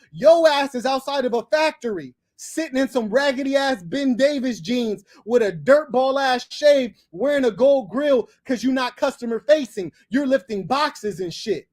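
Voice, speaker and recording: A man from Los Angeles, hosting a livestream abroad, heatedly dominates a caller with insults and cursing. His voice is very high-pitched and a little mellow.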